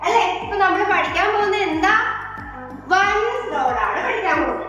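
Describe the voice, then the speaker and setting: A woman's voice: extremely high pitch, lively intonation, brisk, sharp tone. A woman teaching abacus to a group of children in a classroom, coaxing them with sing-song questions. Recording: very echoey room with faint music.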